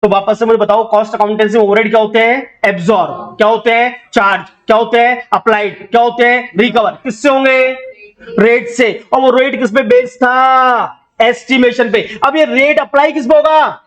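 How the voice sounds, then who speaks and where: An accounting teacher with an extremely high-pitched, steady, slightly bright voice lectures his class at normal speed. He keeps drilling the students with repeated questions, teasing and scolding them playfully when they can't answer.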